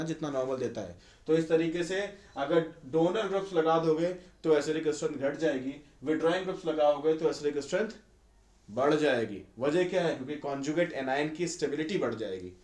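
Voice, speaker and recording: A man's voice: fairly high pitch, darkish tone. A male chemistry teacher giving a conversational exam-prep lecture, often asking students rhetorical questions. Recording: echoey room.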